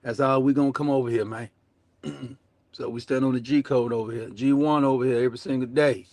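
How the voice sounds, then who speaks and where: A man's voice: mid-range voice, fairly even intonation, fairly quick, darkish tone, dry recording. A man with a Southern US accent hosting a show with casual political commentary in a brash, profane, slangy way, repeating his catchphrases. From southern United States. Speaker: show host.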